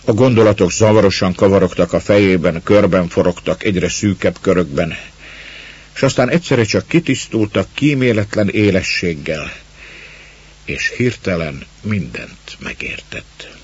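A man reading a story aloud in a measured, scripted narration. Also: low voice, lively intonation, breathy edge. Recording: dull lo-fi recording.

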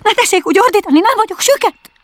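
Shrill fussy storybook rabbit, as a woman does him. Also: expressive, no room sound. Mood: snappish. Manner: shrill, clipped and prim. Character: fussy, cautious, snappish male rabbit.

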